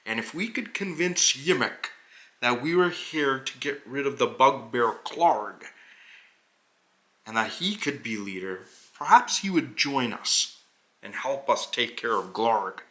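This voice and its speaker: A man voicing a noble, earnest hobgoblin adventurer who recounts a tabletop quest with deliberate, halting phrasing and dramatic pauses. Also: medium pitch, lively intonation, sharp tone. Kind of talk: in-character narration of a tabletop adventure.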